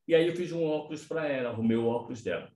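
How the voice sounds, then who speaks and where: A Brazilian man telling a personal story in an online meeting, acting out the dialogue with big swings in his voice. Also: very fast. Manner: animated, acts out dialogue with big pitch jumps. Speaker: meeting participant, entrepreneur. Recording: echoey room.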